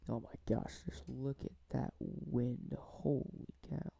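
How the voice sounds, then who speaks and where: A man hosting a live stream, casually commenting on storm chasers with drawn-out awed exclamations. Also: medium pitch, fairly even intonation, gravelly, dark tone, husky, no echo.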